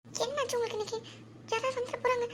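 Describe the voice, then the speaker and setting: A woman's voice: very high-pitched, level tone, quick pace, very noisy. A woman voicing a shy, frightened young woman in a cartoon, nervous and pleading. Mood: flustered. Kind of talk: cartoon voice acting.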